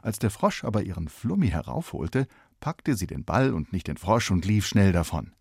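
Deep, husky male storyteller. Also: moderate pace, dry recording, studio quality. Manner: expressive, playful reading. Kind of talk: scripted fairy-tale narration.

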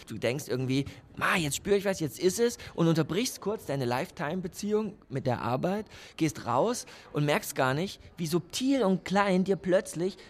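An actor in a radio play voicing a cynical man who calls himself a professional of love. He lectures sardonically and swings between hushed asides and emphatic bursts. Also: fairly high pitch.

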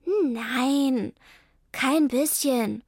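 A woman's voice: high voice, lively intonation, normal speed, dry recording, voice pushed up. A pampered young female cat from a children's audiobook, cheerful and completely unbothered, as a woman puts her on. Her voice sits well above the narrator's own and sounds close and dry. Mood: smug.

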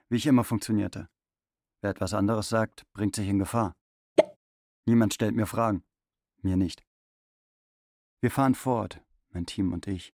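A man voicing a driven company chairman who hides his breakdowns, with a lowish voice. He speaks in a restrained, measured way in a radio play, close and dry. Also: a little mellow, no room sound, close to an everyday voice. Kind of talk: literary radio play acting.

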